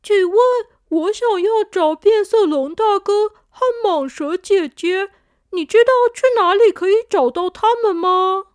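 A woman voicing an eager little girl who has turned into a piglet, in a children's storybook reading, polite and excited. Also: very high-pitched, a little slow, no echo, pitched above the performer's own voice.

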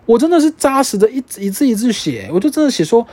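A young adult podcast host with a Taiwanese Mandarin accent, telling a story in casual chat, animated and swearing freely. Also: mid-range voice, fast talker, husky.

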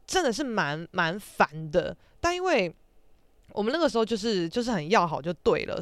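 Animated ranting Taiwanese woman. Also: mid-range voice, no room sound. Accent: Taiwanese Mandarin. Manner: animated, ranting, swears casually. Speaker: podcast host. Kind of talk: casual storytelling monologue.

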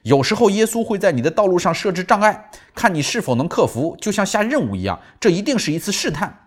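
A man's voice: high-pitched, big pitch swings, fast talker, pitched above the performer's own voice. A man voicing a stern, devout mother who talks firmly and insistently in a raised voice. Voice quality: firm, insistent.

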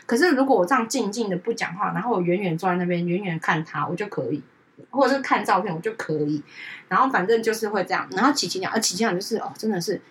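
A woman, telling a story in casual chat as a podcast co-host and often checking in with her listener. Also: fast talker. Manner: animated, keeps asking "you know?"; jumps into high-pitched voices when quoting others.

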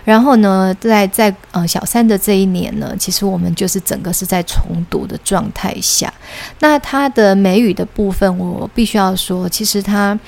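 A woman's voice: mid-range voice, normal speed, vocal fry, darkish tone. A woman in her thirties with a Taiwanese Mandarin accent hosts her own podcast as a children's English teacher, talking casually with many "uh" fillers and English words mixed in. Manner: chatty, frequent "呃" fillers, mixes in English words. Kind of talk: casual solo podcast talk.

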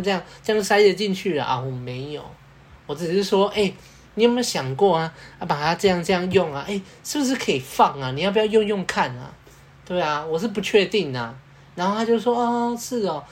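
Rambling man telling work stories. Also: a little high. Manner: rambling storytelling with fillers and laughs. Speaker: podcast co-host. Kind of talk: casual chat.

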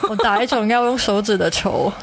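A woman's voice: medium pitch, a little fast, heavy background noise. Young woman with Cantonese-accented Mandarin. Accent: Hong Kong Cantonese-accented Mandarin. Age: late 20s. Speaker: podcast co-host. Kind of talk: casual joking chat.

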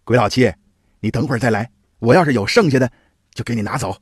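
A man's voice: medium pitch, fast, breathy edge, no room sound, lightly acted. Brief: exasperated, downhearted vendor, read by a male storyteller; dry close sound. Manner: weary, exasperated. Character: discouraged struggling roast-goose seller man.

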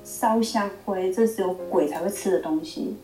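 A woman's voice: mid-range voice, moderate pace. A woman, a student and mother, chatting in a rambling way with lots of fillers. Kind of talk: casual chat. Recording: roomy echo, music under.

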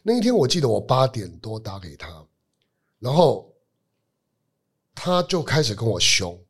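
A man, a lawyer guest telling a personal story in an interview, animated and swinging between loud and hushed. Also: medium pitch, normal speed, slightly rough.

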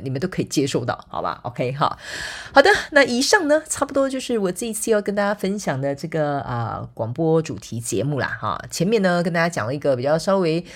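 A sleepy woman hosting her own podcast, chatting casually and acting out bits of dialogue as she tells a story. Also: sits low. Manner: chatty, acts out quoted dialogue, frequent fillers like OK and 哈. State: sleepy, softer voice than usual. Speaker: podcast host.

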